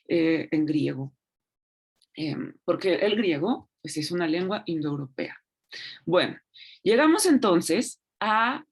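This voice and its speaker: Female lecturer, somewhat low pitch, relaxed explanatory delivery full of fillers and tag questions. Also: breathy edge. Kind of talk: online lecture on Latin pronunciation.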